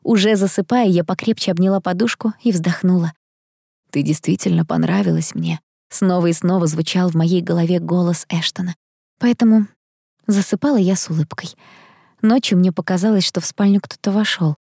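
A woman narrating a first-person audiobook in a calm, even way. Her voice is mellow and warm. The recording is close and dry. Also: fairly low pitch, brisk, breathy edge, no echo.

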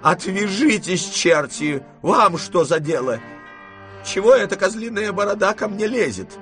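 A man putting on a shrill, scolding old grandmother. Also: animated, faint music behind. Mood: shouting. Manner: scolding, shouting, drawn-out words. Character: imperious, hot-tempered elderly grandmother. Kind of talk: audiobook reading.

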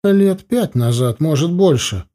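A man voicing a blunt, sharp-tongued older grandmother who answers curtly and matter-of-factly in an audiobook. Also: on the high side, animated, a little slow, voice pushed up. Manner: curt, matter-of-fact answers. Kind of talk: audiobook character voice.

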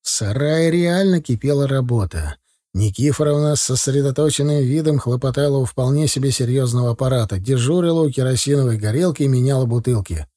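A man narrating a first-person audiobook in a warm, slightly husky voice at a middling pitch. His telling is plain and conversational, recorded on a close, dry mic. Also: a little fast, no echo.

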